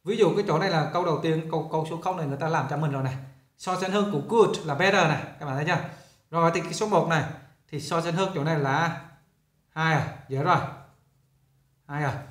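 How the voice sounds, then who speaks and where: A man's voice: fairly high pitch, fast talker, a bit bright. A male English teacher, explaining a lesson in a chatty way and often repeating himself. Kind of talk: casual classroom explanation. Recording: roomy echo.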